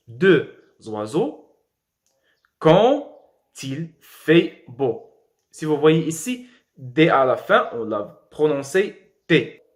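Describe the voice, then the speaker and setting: A young Moroccan man leads a French lesson in a slow, deliberate way. His fairly high voice rises and falls a lot as he spells out letters and repeats words for practice. He drops into quick Arabic asides to explain. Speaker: French teacher.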